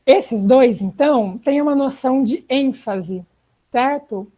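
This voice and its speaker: Teaching an online writing class, a young woman with a Brazilian Portuguese accent speaks slowly in a high-pitched, mellow voice. Her style is chatty, and she often checks in with the students using "né?" and "tá?", though the recording is low quality.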